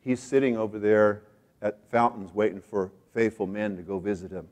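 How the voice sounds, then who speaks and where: This American pastor's sermon moves at a normal speed in a lowish voice. Repetition gives his words emphasis, and he alternates between hushed asides and loud, excited climaxes.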